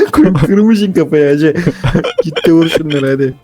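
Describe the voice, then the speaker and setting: A man's voice: fairly high pitch, sing-song, unhurried, warm tone, no room sound. A young man bantering casually and teasing his friends in a game voice chat. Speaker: gamer.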